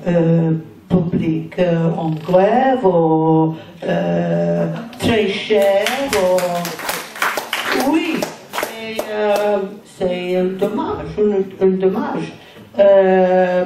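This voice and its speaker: An older retired woman with an English accent in French, a native English speaker, halting and searching for words as she speaks from the floor at a public meeting. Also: medium pitch, dark tone. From England. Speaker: audience member and former teacher. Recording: roomy, distant pickup with faint noise.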